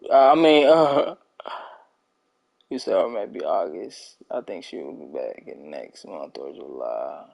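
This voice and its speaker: A man's voice: a bass voice, wildly swooping pitch, measured pace, creaky, pauses often, darkish tone, poor audio. A young man chatting casually and rambling to his viewers while streaming a game. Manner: laid-back, rambling, talks to chat. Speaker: gaming streamer. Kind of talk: casual gameplay chat with viewers.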